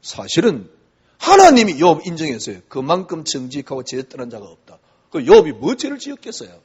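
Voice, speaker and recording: A man's voice: fairly high pitch, wildly swooping pitch, brisk, a little mellow, breathy edge. A middle-aged man preaching a sermon as pastor, talking conversationally and asking the congregation rhetorical questions. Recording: dull lo-fi recording.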